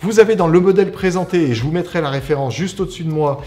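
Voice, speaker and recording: Brief: male tech presenter, slightly high voice, chatty, explains step by step while unboxing. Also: fast talker, dark tone. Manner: chatty, explanatory, frequent "alors" and "on va dire". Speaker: IT company presenter. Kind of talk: casual unboxing product review.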